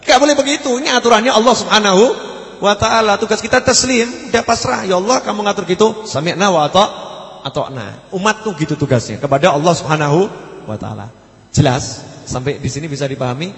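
A fairly high-voiced man gives an Islamic study sermon. He rises to loud, pressing questions, then drops to soft, low asides. A long reverb trails his voice. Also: expressive, a little fast. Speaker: religious teacher.

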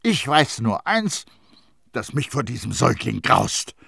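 A man putting on a stubborn peasant wet nurse in an audiobook, with a raised, loud voice and curt, blunt replies. The sound is dry and close. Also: medium pitch, big pitch swings, a little slow, creaky, slightly rough, no room sound, voice pushed up, exaggerated voice. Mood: evasive.

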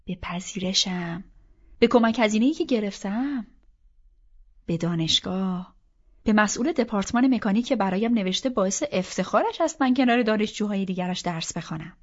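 A woman reading a first-person novel aloud as an audiobook narrator, in a reflective, inward storytelling manner. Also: medium pitch. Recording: slightly dull audiobook recording.

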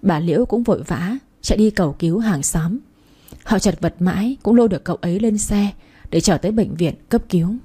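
A woman storyteller reading a story in a steady, even scripted narration. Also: medium pitch, fairly quick, slightly rough.

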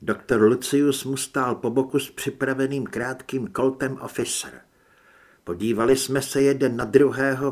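A man reads an action audiobook aloud and narrates with dramatic weight. His voice is husky and slightly breathy, and it sits at a middle pitch. He acts out the scenes as he goes.

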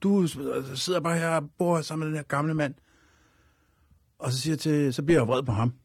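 A man's voice: on the high side, steady tone, no room sound, studio quality. A man telling a personal story as a radio guest, in a rambling, repetitive way. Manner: rambling and repetitive, leaning on fillers.

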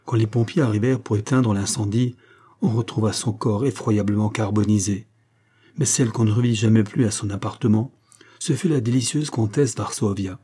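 Male narrator for a pulp adventure audiobook, husky and steady. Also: lowish voice, moderate pace. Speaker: audiobook reader. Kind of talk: scripted narration of a pulp novel.

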